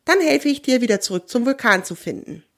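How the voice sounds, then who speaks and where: Woman doing a squeaky timid creature boy, children's story, very high, jumpy. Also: expressive, fairly quick, a bit bright. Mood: worried, eager. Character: timid, curious little male creature friend.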